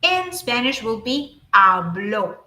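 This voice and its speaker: A woman teaching an online language lesson, explaining slowly with many fillers and restarts into a computer microphone. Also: a little high, very animated, pushed and bright, reverberant. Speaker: Spanish teacher.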